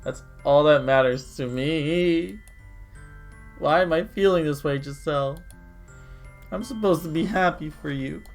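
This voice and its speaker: A man's voice: a little high, normal speed, faint music behind, pitched above the performer's own voice, close to an everyday voice. A man reading a sad, anxious teenage girl's lines aloud from a visual novel, in a raised, pleading voice. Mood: tearful. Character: sad anxious teenage girl, shy and self-doubting.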